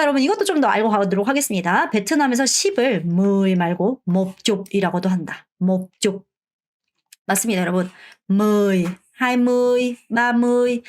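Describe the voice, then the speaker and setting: A woman teaching an online Vietnamese lesson, explaining step by step and saying example phrases slowly. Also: medium pitch.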